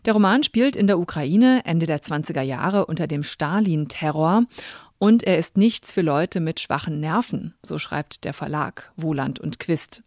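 A woman's voice: low voice, lively intonation, a little slow, a little mellow, no echo, studio quality. Composed woman radio host. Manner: composed, clear questions and announcements. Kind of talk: literary podcast interview.

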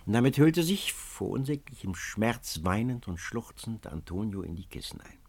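A man narrating classic prose dramatically, swelling loudly and dropping to whispers. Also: lowish voice, big pitch swings, normal speed, slightly rough. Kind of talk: audiobook reading of classic prose.

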